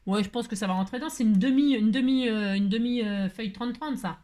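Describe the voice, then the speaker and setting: A middle-aged woman hosting a chatty crafting tutorial, talking loudly and joking with her viewers as she works. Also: fairly high pitch, brisk. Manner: loud, playful, talks to viewers, jokes.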